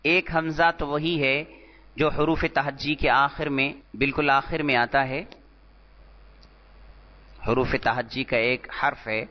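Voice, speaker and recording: A man teaching Arabic grammar terms in a recorded lecture, explaining slowly and repeating each term, sometimes chanting scripture. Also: mid-range voice, steady tone. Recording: dull lo-fi audio in a reverberant hall.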